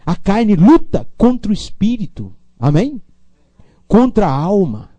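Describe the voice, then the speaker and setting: A man from Brazil delivering a sermon, his high voice leaping up and down as he moves from quiet asides to raised appeals and calls for amens. The tone is dark and mellow despite the high pitch, and the sound is dry and close. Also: very animated, measured pace, dry recording, lo-fi sound. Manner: preaching with call-and-response amens, swinging from low to loud. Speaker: pastor.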